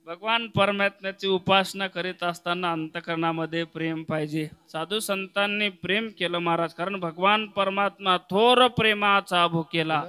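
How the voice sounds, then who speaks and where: Bright high-voiced male kirtan preacher. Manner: storytelling sermon broken by sung verses; addresses the audience directly with asides.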